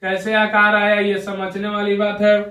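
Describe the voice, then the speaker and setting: A high-voiced man leads a patient spelling lesson at an unhurried pace. He keeps checking that his learner is following and asks them questions along the way. His voice sits a little back from the mic in an echoey room. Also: completely flat delivery, sharp tone, far from the mic. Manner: patient, keeps asking "ठीक है ना" and quizzing the learner. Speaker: Urdu teacher. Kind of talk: slow spelling lesson at a whiteboard. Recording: roomy echo, voice a little off-mic.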